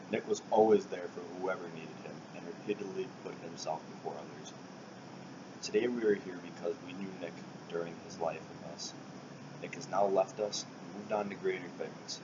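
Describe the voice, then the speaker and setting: Casting: male eulogist, very deep voice, solemn scripted reading with soft trailing phrase ends, captured in dull lo-fi sound. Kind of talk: prepared eulogy speech. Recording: dull lo-fi recording, loud air-conditioning hiss.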